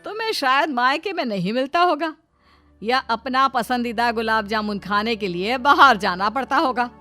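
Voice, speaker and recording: A stern middle-aged mother-in-law for an animated family story. She scolds in cutting, sarcastic retorts, her fairly high voice swinging up and down. Faint music sits behind her. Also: moderate pace.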